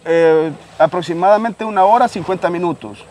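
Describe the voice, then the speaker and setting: A middle-aged man with a Salvadoran accent, plainly and haltingly explaining work as a guide, recorded outdoors. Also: sits high, a crowd in the background. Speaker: guide, indigo farm worker. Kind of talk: informal explanation in an interview. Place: outdoors on a rural hacienda. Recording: outdoor recording with faint background noise.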